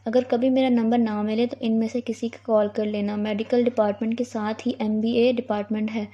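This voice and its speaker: Woman reading as a playful young brother, teasing, kind of flat and dark, muffled audio. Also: fairly high pitch, natural voice. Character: teasing young man, fond elder brother. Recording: dull lo-fi recording.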